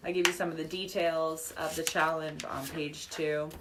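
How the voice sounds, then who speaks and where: Low-voiced woman coaching a live online workshop. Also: level tone, normal speed, noisy background. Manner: chatty, upbeat, filler-heavy, reading chat comments aloud. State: slightly losing her voice. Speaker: business coach and podcast host.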